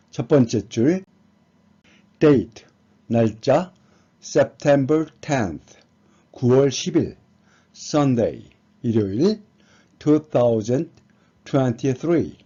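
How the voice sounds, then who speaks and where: A man gives an exam prep lesson, reading words aloud and patiently explaining each one. He speaks very slowly in a husky, mellow voice. The recording sounds dull and lo-fi. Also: mid-range voice, animated. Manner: slow, patient explaining, reading English words then glossing them. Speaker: English teacher.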